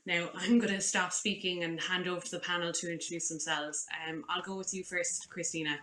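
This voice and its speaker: Bright-voiced woman moderating a panel. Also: on the low side, steady tone, brisk. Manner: formal, reads introductions from script. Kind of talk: scripted panel introduction. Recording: roomy echo.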